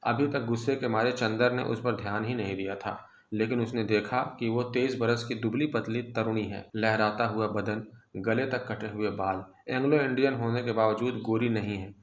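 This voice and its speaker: A man reads a novel aloud at a measured, expressive pace. His voice sits at an everyday middle pitch, and the room around him has a clear echo. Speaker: storyteller.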